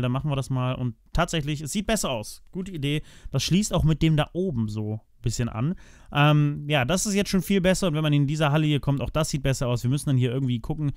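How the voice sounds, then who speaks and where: A man's voice: on the high side, darkish tone, clear, resonant tone, no room sound, clean studio sound. A young man casually commentating his building in a block game, thinking aloud and chatting to viewers as his friends. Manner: chatty, talks to viewers as "meine Freunde"; thinks aloud while building, frequent restarts and fillers. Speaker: let's play host.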